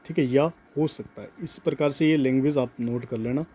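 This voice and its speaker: A male teacher leads a grammar lesson, dictating notes word by word and repeating himself so students can keep up. His voice is mellow and dark in tone, sitting at a middle pitch. He keeps checking in with a steady "okay" between points. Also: faint music behind. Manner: slow emphatic dictation, repeats words, frequent "ठीक है".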